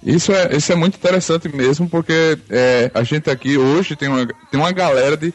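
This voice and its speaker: A man's voice: fairly high pitch, brisk, soft background music. A man with an Alagoas accent from northeastern Brazil, chatting casually as a podcaster. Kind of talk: casual chat.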